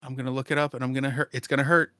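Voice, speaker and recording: Bright-voiced man teasing his co-host. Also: mid-range voice, level tone, rapid-fire, no echo, studio quality. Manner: teasing, profane banter. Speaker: podcast co-host. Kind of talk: casual chat. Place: in a car.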